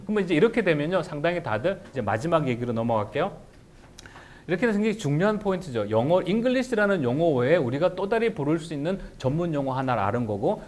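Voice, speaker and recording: A man giving a lively lecture to teachers on how to teach English writing, slowing right down to spell out example sentences. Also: fairly high pitch. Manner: animated, shouts example phrases, slows down for English sentences.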